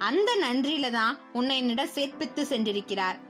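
A woman's voice: high voice, fairly quick, fairly bright tone, soft background music. A woman reading the lines of a scheming middle-aged male circus owner in a children's story, with a mocking, taunting manner. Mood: coaxing.

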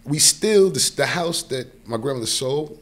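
Expressive and unhurried, his medium-pitched voice has a fairly bright tone. The man, in his forties and from New York, United States, speaks with a New York accent while casually telling a personal story as a podcast guest, often checking in with the listener. A close mic on a boom arm captures him in a small indoor podcast studio.

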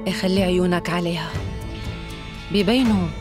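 An actress with a Syrian accent playing a shrewd, cold, middle-aged female prison boss in a dubbed drama, measured and commanding. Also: on the low side, over music, natural voice. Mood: cold, scheming.

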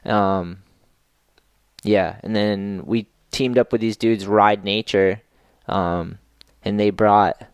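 A man's voice: lowish voice, fairly even intonation, slow, smooth, dry recording. A man in his thirties in casual podcast chat, laid-back and slangy, swearing often. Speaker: podcast co-host. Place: small studio room, indoors. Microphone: boom mic with headphones.

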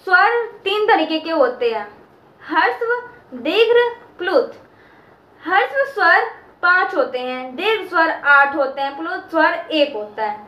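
Teacher, female, very high bright voice, slow and patient delivery, echoey room. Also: lively intonation. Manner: repeats key terms and draws out chanted sounds. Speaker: Sanskrit teacher. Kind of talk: slow explanatory lesson.

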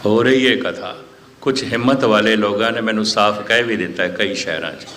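A man delivering a sermon, speaking in measured, repeating phrases and quoting listeners in quick asides. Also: on the low side, fairly bright tone, slight background noise. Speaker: Sikh scripture preacher. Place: gathering hall, abroad.

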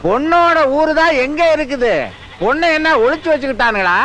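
An actor playing a grumpy, quarrelsome middle-aged wedding guest in a film comedy, talking in a sarcastic, scolding way. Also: male voice, very high-pitched, lively intonation, a little fast, bright, forceful tone, slight background noise, heavily acted.

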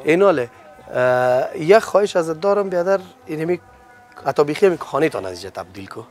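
A man's voice: on the high side, expressive, soft background music. Pushy prankster man on a street. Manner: pushy, menacing, demanding. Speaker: hidden-camera prank host. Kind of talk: prank confrontation in casual street talk.

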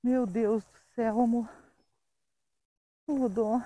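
A woman's voice: a little high, fairly even intonation, slow pace, dark tone. A woman with a Brazilian Portuguese accent, filming a vlog outdoors on a phone and tenderly coaxing a stray dog. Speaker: vlogger rescuing a stray dog. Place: outdoors in scrubland by a car.

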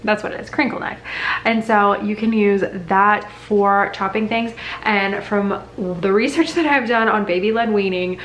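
A young woman vlogging as a mom, chatting enthusiastically about her haul, full of "like" and excitement. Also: mid-range voice, measured pace. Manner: bubbly, enthusiastic, chatty with many likes. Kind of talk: casual haul chat to camera. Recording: echoey room with faint background hum.

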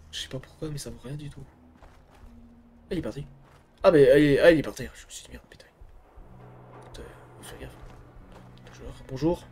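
A man giving casual let's-play commentary, excitable, swearing, and muttering to himself between outbursts. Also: a little high, slight background noise. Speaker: gamer streamer.

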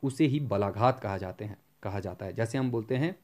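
With a fairly low pitch and a darkish tone, a man teaches Hindi grammar for exam preparation. He often asks questions only to answer them himself, and he slows down when spelling out examples.

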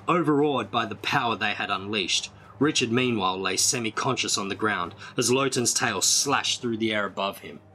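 A man reading a storybook aloud in a dramatic, measured way. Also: lowish voice, bright, forceful tone. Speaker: storybook reader.

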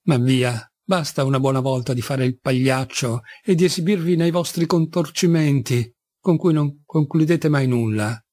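A man's voice: mid-range voice, normal speed, hardly any pauses, a little mellow, no room sound, close to an everyday voice. A man reading an audiobook, voicing an indignant young woman who scolds scornfully.

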